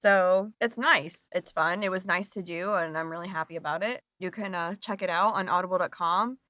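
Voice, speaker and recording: A woman co-hosting a podcast in casual chat, bubbly, chatty and quick to giggle. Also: on the low side, pushed and bright, no echo. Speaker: podcast co-host.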